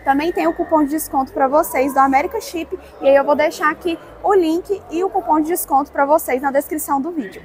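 A woman's voice: high voice, a little fast, hardly any pauses, music in the background. A woman from Brazil narrating a travel vlog in a friendly, chatty way, talking straight to her viewers. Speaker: travel vlogger.

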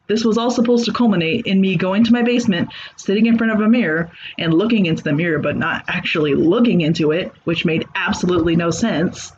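Dry sarcasm runs through this man's reading of a humorous horror tale, delivered in a high voice. High frequencies are cut off and faint background noise is present.

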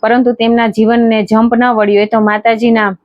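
A woman storyteller reading a devotional folk tale at a measured, steady pace. Her voice sits slightly high. The recording is dry, with a somewhat dull, lo-fi sound. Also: no room sound.

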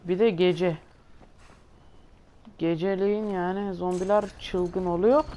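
A woman's voice: fairly low pitch, fairly even intonation, slow, mellow. A woman doing gameplay commentary for her channel, swearing constantly and griping to her viewers. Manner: swears a lot, grumbling and exasperated; talks straight to viewers. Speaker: gaming video host.

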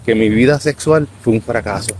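A man in his fifties with a Puerto Rican accent, rambling casually on a live stream outdoors by a beach, talking to himself and halting when he tries English. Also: mid-range voice, darkish tone, slight background noise, poor audio. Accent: Puerto Rican Spanish. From Puerto Rico. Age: 50s.

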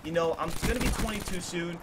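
A man's voice: sits high, fast talker, heavy background noise. Earnest young man rambling over gunfire. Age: 20s. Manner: earnest, rambling, repeats himself, many fillers. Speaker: gaming YouTuber. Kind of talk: candid talk to viewers over gameplay. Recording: clear gunfire from the game behind the voice. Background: game gunfire.

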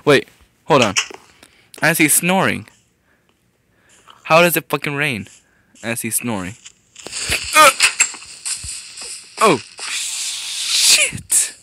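A young man hosting casual gameplay commentary. He swears often, gets excited easily and keeps restarting his sentences. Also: medium pitch, a little slow, pauses often, a little hiss or hum. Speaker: gaming video host.

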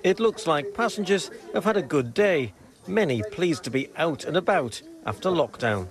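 A man's voice: on the high side, lively intonation, normal speed, a crowd in the background. A man working as a TV news reporter, narrating a regional report and interviewing on location.

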